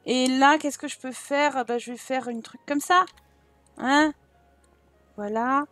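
A woman's voice: high voice, slow pace, a bit bright, dry recording. A woman doing frantic, self-mocking commentary while racing through a timed home-building game challenge. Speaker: gaming YouTuber. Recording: faint game music behind.

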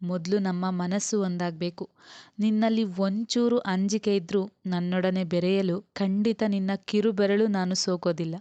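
A woman's voice: mid-range voice, steady tone, normal speed, mellow, smooth, dry recording, highs cut off, natural voice. A woman reading the lines of a restrained, tender male hero in a romance audiobook, speaking earnestly.

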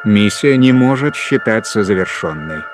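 A man playing a calm, rational ship's computer in a sci-fi audio drama, formal, precise and emotionless. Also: on the low side, over music, natural voice. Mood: calm, consoling. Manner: measured, precise, emotionless announcements.

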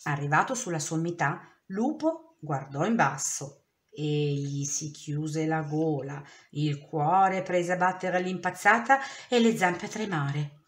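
A woman teacher reading a children's storybook aloud with expressive, dramatic storytelling. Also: sits low, slow. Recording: echoey room.

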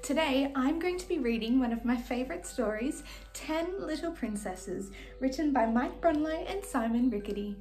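Woman playing high-voiced Princess Aurora, storytelling. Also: moderate pace. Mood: sweet storytelling. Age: young adult. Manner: animated, sing-song, enunciated for small children. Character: sweet, gracious young fairy-tale princess. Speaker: children's party entertainer reading a storybook. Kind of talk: children's storybook reading in character. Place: small decorated room indoors. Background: music.

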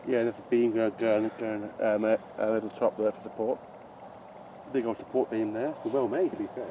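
A man's voice: lowish voice, flat delivery, fairly quick, warm tone, muffled recording, a little hiss or hum. A man chatting casually as a vlog companion, rambling and repeating words, picked up outdoors by a handheld camera. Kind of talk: casual chat. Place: outdoors in woods and open field at night. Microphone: camera mic, handheld.

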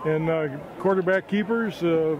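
A man's voice: a little high, a little slow, lo-fi sound. An older man giving color commentary after a football game, outdoors at night, plain-spoken with short remarks. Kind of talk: post-game sports commentary. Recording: outdoor noise behind.

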